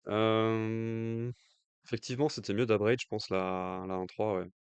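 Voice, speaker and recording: A man's voice: lowish voice, little pitch movement, a little slow, clean tone, no echo. A man with a French accent giving casual live commentary on a card game match, thinking aloud with hesitant fillers. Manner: jokey aside in accented English. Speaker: stream commentator.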